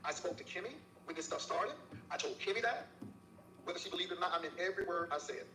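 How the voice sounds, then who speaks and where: A man with a high, bright, sharp voice lectures a rival in a scolding, preachy monologue. He sounds set back from the mic in an echoey room, with a faint hiss underneath. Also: fast talker, distant mic. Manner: scolding, preachy, repeats her name. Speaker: YouTuber in a clip. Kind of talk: heated monologue addressing a rival.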